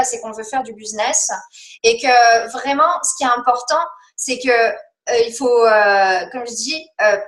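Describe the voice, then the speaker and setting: High chatty woman, echoey. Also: a bit bright. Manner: chatty, rambling, laughs often, many fillers. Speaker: guest coach on a team call. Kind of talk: casual motivational coaching talk.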